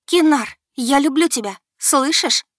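Defiant young girl, high and loud, a woman reading. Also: normal speed, no echo, studio quality, close to an everyday voice. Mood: defiant shouting. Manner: defiant, shouting. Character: young human girl in love, defiant and bold.

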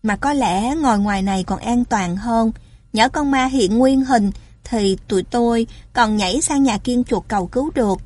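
A woman's voice: fairly high pitch, darkish tone, dry recording. A young woman narrating a playful first-person story.

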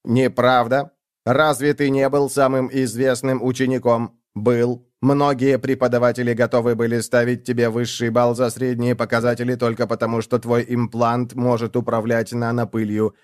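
A man's voice: mid-range voice, little pitch movement, normal speed, no room sound, studio quality, lightly acted. A man voicing a sneering male ship computer that needles and mocks a young man in a cold, sarcastic way. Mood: scornful.

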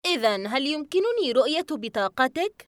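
A woman reader voicing a quick-tempered, cocky young man in an audiobook, speaking in a snappy, irritated way. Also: sits high, big pitch swings, fairly bright tone, dry recording, studio quality, pitched above the performer's own voice.

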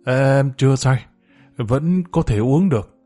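A man's voice: mid-range voice, lively intonation, slow, dark tone, soft background music. A man voicing a stubborn, tipsy young male hero who slurs slightly, in a storybook. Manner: slurring, stubborn.

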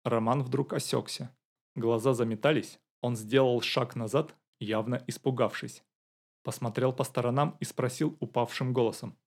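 A man narrating an audiobook in a measured, even way. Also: medium pitch. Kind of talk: scripted narration.

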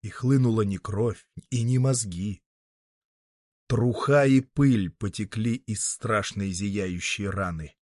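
A man narrating an audiobook in a dramatic, expressive storytelling manner. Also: fairly low pitch, slow, no echo, studio quality. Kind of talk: scripted narration.

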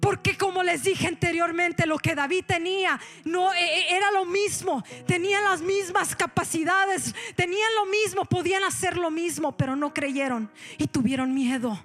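Woman pastor, animated sermon delivery, code-switches, high-pitched. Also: normal speed, few pauses, faint music behind. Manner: animated, switches into English, directs the congregation.

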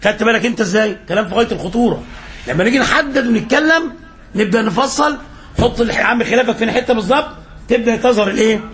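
An Egyptian man teaches an Islamic lesson as a sheikh, talking quickly in a high voice. He quizzes his listeners and fills in the answers himself. Faint noise sits behind him. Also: lively intonation, fairly bright tone. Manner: repeats phrases for emphasis.

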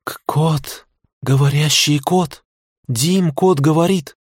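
A man's voice: mid-range voice, unhurried, slightly rough, dry recording, studio quality, pitched above the performer's own voice. A man voicing a startled young woman in an audiobook, stammering anxious questions. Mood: alarmed. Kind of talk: audiobook character voice.

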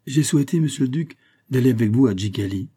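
A man's voice: mid-range voice, expressive, fast talker, dark tone, slightly rough, pitched above the performer's own voice. A man reading aloud, voicing an earnest young nobleman who speaks firmly and respectfully, keeping tight control. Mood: resolute.

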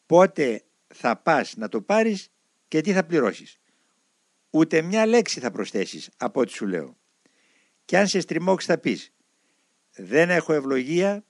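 A man's voice: fairly high pitch, no echo, studio quality. A man reading the lines of a strict elderly monk giving firm orders in a commanding way. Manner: stern, commanding.

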